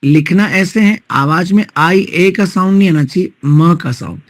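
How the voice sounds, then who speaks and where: A man with an Indian accent leads a live online English-speaking class. He mixes Hindi and English and keeps checking in with his students through tag questions. His voice sits fairly high and sounds close and dry, with no room around it. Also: moderate pace, dry recording. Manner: repetitive drilling, breaks words into sounds.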